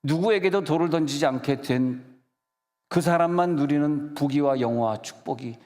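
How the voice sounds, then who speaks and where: A man's voice: on the high side, moderate pace, darkish tone. A male senior pastor preaching a conversational sermon, joking with the congregation and acting out quoted voices. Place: church sanctuary. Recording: long church hall reverb.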